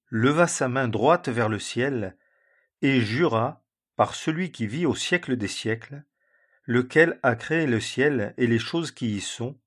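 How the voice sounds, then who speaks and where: A man slowly reading scripture aloud and commenting on it in a measured, solemn way. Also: medium pitch. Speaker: Bible teacher.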